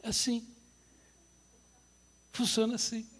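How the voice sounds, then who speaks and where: A man's voice: very high voice, monotone, slow pace, fairly bright tone. A man teaching a couples workshop at church, telling humorous, self-deprecating stories. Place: church hall. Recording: reverberant church hall.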